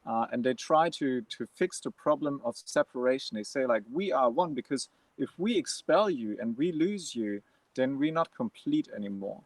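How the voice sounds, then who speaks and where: A man of middling pitch who explains things hesitantly in a relaxed podcast conversation. He sits somewhat away from the microphone, but the sound is still dry with no room echo. His delivery is patient and searching. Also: moderate pace. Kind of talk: casual discussion. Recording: dry, distant from the mic.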